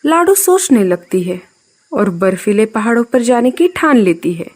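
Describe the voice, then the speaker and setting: A woman narrating a children's cartoon story in an expressive, dramatic way. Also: fairly high pitch, moderate pace.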